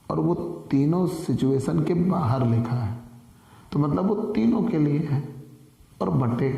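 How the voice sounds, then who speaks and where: Hoarse man teaching in an echoey room. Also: medium pitch, mellow. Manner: repeats key points, asks and answers own questions. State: sore throat. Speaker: commerce teacher. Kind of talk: classroom lecture. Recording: echoey room with long reverb.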